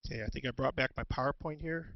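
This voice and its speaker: A man presenting an instructional webinar as a teacher, talking through tools in a halting way with many ums and restarts, on a headset. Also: mid-range voice, no echo, dull audio. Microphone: headset with headphones.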